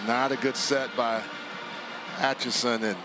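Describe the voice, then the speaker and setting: A man's voice: medium pitch, level tone, a little slow, heavy background noise. A man working as a football color commentator, chatty and laughing easily as he breaks down plays. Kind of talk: live sports analysis.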